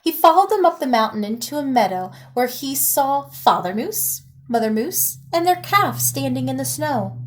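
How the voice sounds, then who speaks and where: A female teacher reads a picture book aloud to children, her voice a little high for a woman. She tells the story in a lively, expressive way, rising on the exciting parts, at a moderate pace with few pauses.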